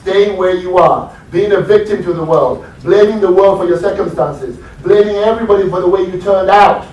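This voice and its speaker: A man's voice: high voice, fairly quick, darkish tone, dull audio. A man giving a live motivational talk, telling stories and prompting his audience with questions. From United Kingdom. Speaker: motivational speaker. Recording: echoey hall, voice from far off.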